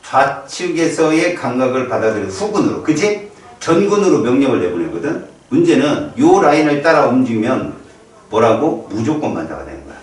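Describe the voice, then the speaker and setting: A man teaching a biology class, lecturing in a lively, playful way and acting out little reactions for the students. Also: mid-range voice, brisk. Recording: echoey room from far off.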